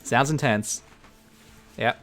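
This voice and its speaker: A man's voice: medium pitch, slow, fairly bright tone. A man streaming a strategy game, chatting casually and rambling with lots of fillers. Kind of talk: casual live-stream chat.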